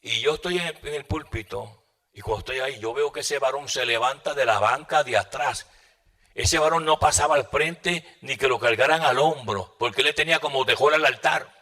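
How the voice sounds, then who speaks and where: A man preaches a sermon, recounting a testimony with dramatic flair. His voice is bright and ringing at an ordinary pitch. He swings between loud, urgent bursts and quiet, hushed asides. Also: a little fast.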